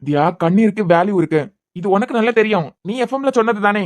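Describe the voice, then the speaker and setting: A woman voicing a devoted young husband who is a hospital head, speaking in a Kanyakumari Tamil accent, bantering fast and turning stern at times. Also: medium pitch, lively intonation, close to an everyday voice. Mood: teasing. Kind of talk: cartoon web series voice acting.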